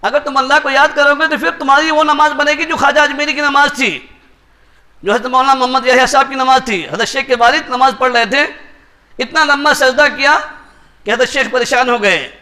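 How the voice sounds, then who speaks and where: A mufti preaches a sermon in an Indian Urdu accent, his voice extremely high-pitched and sharp. He keeps posing rhetorical questions and ends lines with short tag checks to his audience.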